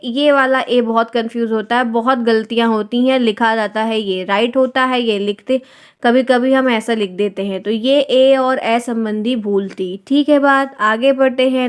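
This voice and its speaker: A woman teaching a language exam-prep class, saying each example word slowly and twice, putting questions to the class and answering them herself, with English words mixed in. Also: fairly high pitch, fairly even intonation, clean tone. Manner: mixes English words into speech.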